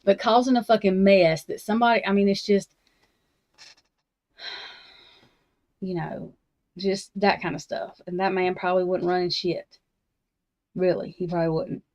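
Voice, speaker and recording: A woman with a medium-pitched, slightly mellow voice and fairly even intonation talks slowly, with long pauses, on her true crime stream. She rants bluntly and profanely, rambling and restarting in slangy Southern-inflected grammar. The sound is slightly dull and lo-fi.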